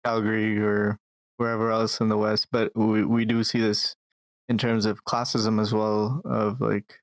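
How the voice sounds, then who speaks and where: A Pakistan-born man in his twenties, based in Calgary, Canada, speaks earnestly as a guest in a casual interview, often repeating words for emphasis. His voice sits on the low side, monotone and a little slow, with no echo.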